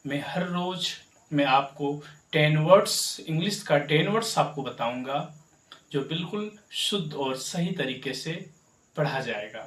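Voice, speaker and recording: A man's voice: a little high, unhurried, fairly bright tone, distant mic. A man teaching English pronunciation, spelling words out letter by letter and repeating the correct form while asking the viewers to follow along. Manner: addresses viewers directly with rhetorical checks. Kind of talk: spoken language lesson. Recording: echoey room, voice from off mic.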